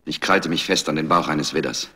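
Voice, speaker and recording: A man playing a cunning Greek hero-king who narrates his own tale with brisk urgency in a radio drama. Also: very deep voice, bright, forceful tone, husky, exaggerated voice. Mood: tense.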